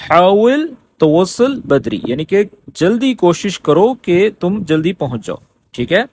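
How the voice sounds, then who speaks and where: A male language teacher with a slightly raised pitch talks through phrases one by one. He slows down to repeat them and keeps checking that his students are following. A faint hum of room ambience sits under his voice. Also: very animated, darkish tone. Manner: patient, checks understanding often. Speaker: Arabic teacher. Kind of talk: language lesson explaining phrases.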